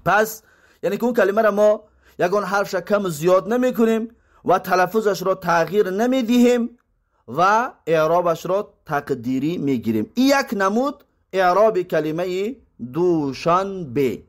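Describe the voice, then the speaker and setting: A man with a Tajik accent teaching Arabic grammar, reading terms slowly and then explaining them. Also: sits high, expressive. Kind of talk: grammar lesson.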